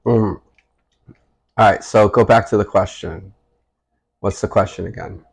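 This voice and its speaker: A man chatting casually with his wife over a meal at home, relaxed and teasing, speaking slowly between bites. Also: lowish voice, creaky, slightly rough. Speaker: husband and vlog co-host. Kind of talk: casual mukbang chat while eating.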